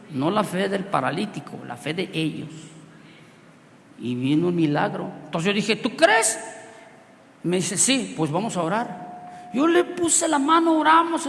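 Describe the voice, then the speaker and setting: A Mexican preacher tells a story from the pulpit, his gravelly voice jumping between shouted lines and hushed, chuckling asides. His words ring out in a big hall with a long tail of reverb. A faint hiss sits under the recording. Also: sits high. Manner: animated, swings from loud outbursts to quiet asides, laughs often. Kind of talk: storytelling sermon.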